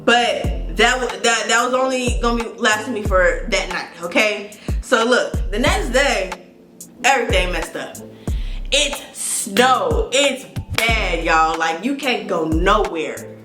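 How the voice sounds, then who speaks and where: A woman's voice: medium pitch, slow pace. Young woman doing a storytime, fired up and swearing, talks to y'all, roomy echo with music playing. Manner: animated, profane, talks straight to viewers. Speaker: vlogger. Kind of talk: casual storytime. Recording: echoey room with music behind.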